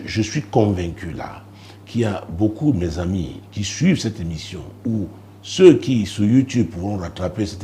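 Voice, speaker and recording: A low, mellow male preacher from Cameroon tells a testimony on a broadcast show. He tells it as a story, rising dramatically and dropping into hushed asides. A faint hum runs behind his voice. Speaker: apostle and preacher.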